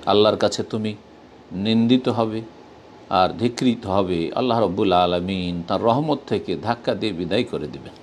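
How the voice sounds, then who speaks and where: A man preaching a sermon, reciting verses and explaining them slowly and with emphasis. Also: lowish voice, darkish tone, slight background noise.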